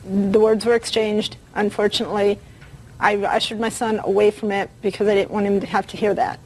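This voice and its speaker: A woman's voice: medium pitch, little pitch movement, a little fast, rough recording. A woman plaintiff giving formal, composed testimony in a courtroom.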